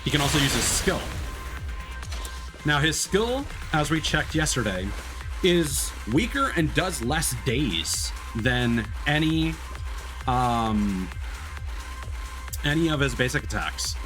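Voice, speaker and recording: A man streaming a video game speaks slowly in a mid-range voice, with big swings in pitch and long pauses. His live commentary is casual and conversational, full of explaining and thinking aloud, set against game music.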